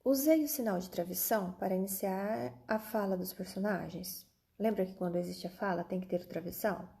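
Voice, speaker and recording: A woman's voice: medium pitch, fairly quick, gravelly, warm tone. A Brazilian woman teacher giving an online lesson to children, explaining step by step and often checking that they follow. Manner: addresses children directly with frequent checking tags and diminutives. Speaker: primary school teacher.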